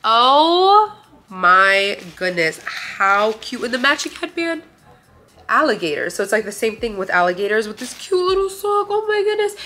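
A woman's voice: fairly high pitch, sing-song, moderate pace, pushed and bright. A young woman from Romania talking to her viewers in a casual haul video, chatty and gushing, filler words everywhere, recorded in a living room on a camera in front of her. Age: young adult. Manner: gushing, chatty, says "like" a lot. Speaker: vlogger. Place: bright living room indoors.

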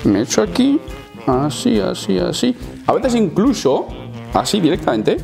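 A young Spaniard talks straight to his viewers in a comedic vlog, with a Spain accent and a sarcastic edge. He swears freely and acts out little scenes, and his pitch leaps up and down as he talks. Faint music sits quietly underneath. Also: very animated, a little slow, gravelly. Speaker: YouTuber.

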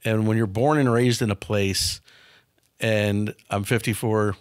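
Speaking a little slowly in a steady, low voice, a fifties-aged business founder gives candid interview anecdotes as a guest on a dark studio set. He often repeats a word as he starts a phrase, and the studio boom mic records him dry and close with no room sound.

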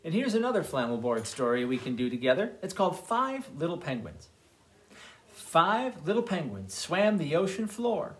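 A man who is a children's librarian, reading picture books aloud at storytime in an animated, expressive voice. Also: on the high side, normal speed.

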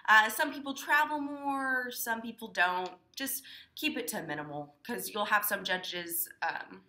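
Bright-voiced teen girl explaining, echoey room. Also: fairly high pitch, unhurried. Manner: chatty, many fillers like um and like. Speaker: student competitor explaining dramatic interpretation. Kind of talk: casual instructional talk.

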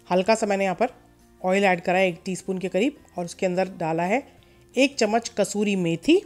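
In a calm cooking-channel voice-over, a female host walks viewers through each step of a recipe, sprinkling in English words. She speaks at medium pitch.

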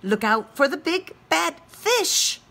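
A caring mother frog speaks gently and soothingly, her voice bright and rising and falling lively. A woman reading a picture book gives her voice. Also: medium pitch, a little slow. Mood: warning.

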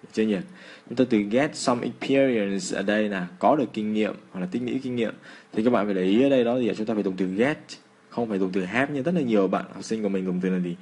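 Low-voiced Vietnamese teacher explaining English. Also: male voice, a little mellow, slightly rough. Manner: slows down to model English phrases. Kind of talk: casual explanatory lesson.

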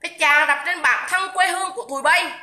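Angry Vietnamese woman, high bright voice, coarse repetitive phone livestream rant. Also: brisk. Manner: shouting insults, coarse swearing, repetitive.

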